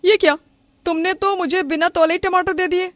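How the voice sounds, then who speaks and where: A woman doing a loud, bossy haggling customer. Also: very high-pitched, steady tone, brisk, no room sound. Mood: angry. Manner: loud and scolding.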